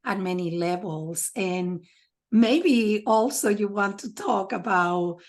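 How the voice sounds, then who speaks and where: A woman interviewing a guest, speaking in a slow and reflective way with soft fillers, choked up with emotion. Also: medium pitch. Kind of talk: conversational interview.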